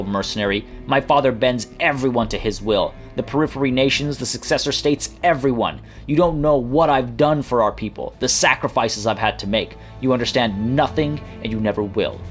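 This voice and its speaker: A man reads as a haughty young noblewoman, a video game villain who sneers and threatens grandly. The pitch sits in a medium male range, with faint music behind. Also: natural voice. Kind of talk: video game dialogue read aloud.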